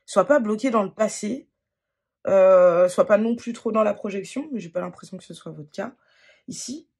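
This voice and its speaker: A tarot card reader giving a spontaneous reading, talking gently and haltingly, with many restarts and fillers. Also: mid-range voice, gravelly, slightly rough.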